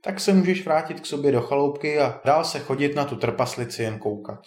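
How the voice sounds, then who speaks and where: A man voicing a kindly, teasing old male wizard in a storybook tale, a bit higher than his narration. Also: lively intonation, a little mellow, natural voice. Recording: roomy echo.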